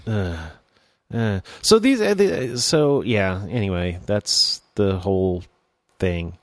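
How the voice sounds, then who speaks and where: Low-voiced man with lively, swinging pitch. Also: takes it slowly, no echo, studio quality. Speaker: podcast co-host. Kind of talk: casual chat.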